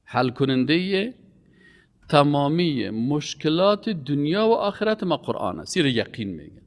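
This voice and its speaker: A man giving an emphatic religious lecture, his voice rising on key words and dropping low. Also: very animated. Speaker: Quran teacher. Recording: long hall reverb.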